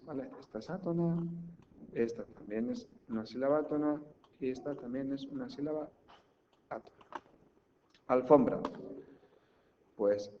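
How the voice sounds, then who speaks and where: A man teaching a language lesson. He breaks words into syllables slowly and keeps checking in with the class. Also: mid-range voice, warm tone. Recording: slightly dull recording with faint background hiss.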